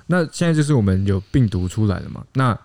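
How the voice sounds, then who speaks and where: A man's voice: lowish voice, animated, fast, darkish tone, dry recording, studio quality. A man co-hosting a casual podcast who steers the talk with questions. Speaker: podcast co-host.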